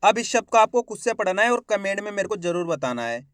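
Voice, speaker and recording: A man's voice: high-pitched, big pitch swings, fairly bright tone, dry recording, clean studio sound. A man teaching reading online, sounding out each word syllable by syllable and repeating it, with friendly asides to viewers. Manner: addresses viewers as friends, gives brisk instructions. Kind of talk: online phonics lesson.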